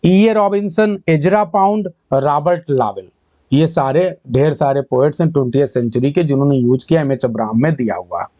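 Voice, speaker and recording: A male teacher running an online exam-prep class. He quizzes students, praises their answers, mixes English terms into Hindi, and reads English questions out slowly. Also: on the high side, a little mellow, no room sound, lo-fi sound.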